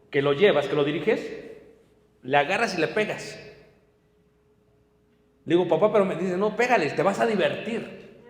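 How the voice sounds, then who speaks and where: In a church hall, a man with a slightly high voice preaches a sermon, telling personal stories and addressing his congregation directly. The space sounds roomy, with a long reverb tail.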